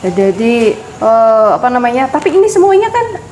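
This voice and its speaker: A woman hosting an interview, asking short questions and nodding along with quick agreements. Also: fairly high pitch, big pitch swings, a little mellow. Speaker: host. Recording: echoey room with faint noise.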